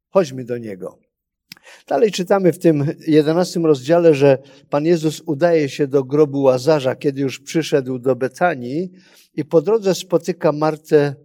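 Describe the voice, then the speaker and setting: Slow, mellow-voiced male preacher. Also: fairly high pitch. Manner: slow, measured delivery with pauses. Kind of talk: sermon with Bible reading.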